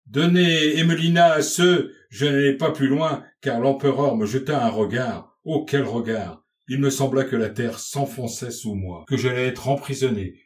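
A man's voice: mid-range voice, a little mellow, natural voice. A man reading aloud and voicing an anxious, blustering bourgeois father recounting his ordeal.

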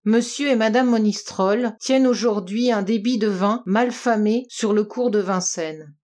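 A woman reading a classic novel aloud as an audiobook, with measured, clear storytelling. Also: mid-range voice, a little mellow. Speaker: audiobook reader.

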